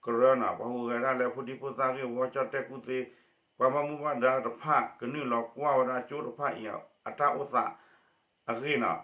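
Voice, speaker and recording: A man presenting a news report with a steady spoken delivery. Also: medium pitch, a little fast. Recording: echoey dull lo-fi recording.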